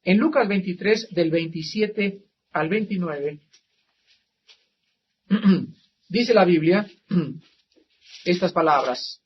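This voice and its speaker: A man preaching a sermon as a pastor, emphatic and dramatic, swinging from loud to soft. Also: high-pitched, extremely slow, pauses often, breathy edge. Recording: slightly dull archival sermon recording, faint hiss.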